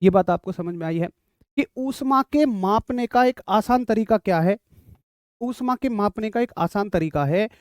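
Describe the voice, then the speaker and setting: A man's voice: sits high, no room sound, clean studio sound. A man teaching physics in a classroom lecture, explaining through a story and asking students to confirm they follow.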